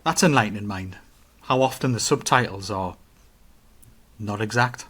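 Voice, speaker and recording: A man, chatting casually as a podcast co-host, telling stories with animated acted-out quotes. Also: fairly low pitch, normal speed, breathy edge. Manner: animated storytelling, acts out quotes. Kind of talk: casual chat.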